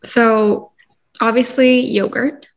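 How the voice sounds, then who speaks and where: A woman's voice: a little high, level tone, slow pace, gravelly. A young woman co-hosting a podcast in casual chat, talking in a chatty way with many "like" and "um" fillers. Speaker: podcast co-host.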